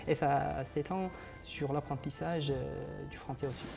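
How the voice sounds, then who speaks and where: Music plays behind a fairly high, gravelly male voice speaking slowly. The speaker, a young Uzbek master's student in his twenties, is a guest on a morning television show and answers in his second language, French, with an Uzbek accent, often hesitating and starting over.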